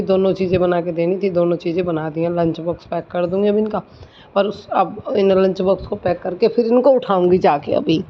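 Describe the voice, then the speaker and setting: A woman vlogging her morning routine in a home kitchen, talking through her chores in a chatty, homely way. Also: lowish voice. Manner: chatty, homely, explains while doing chores. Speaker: village vlogger, mother. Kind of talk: casual vlog narration of daily routine. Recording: slightly dull lo-fi audio.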